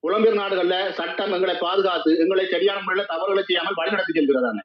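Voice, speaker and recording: A man's voice: high voice, fast. A man arguing at length as host of a live stream discussion. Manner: argumentative, explaining at length. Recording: dull lo-fi live stream audio.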